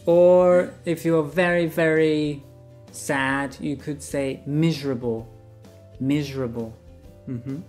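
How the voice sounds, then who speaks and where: A man's voice: fairly high pitch, fairly even intonation, takes it slowly, darkish tone, soft background music. A man teaching vocabulary, patiently repeating each word for practice. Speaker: English teacher. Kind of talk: bilingual vocabulary lesson.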